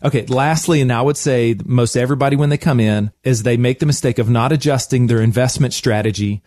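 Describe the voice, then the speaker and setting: A man's voice: mid-range voice, brisk, a little mellow. A man coaching listeners conversationally as a financial advisor, emphatic and coaxing, often checking in with short tag questions. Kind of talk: conversational advice podcast.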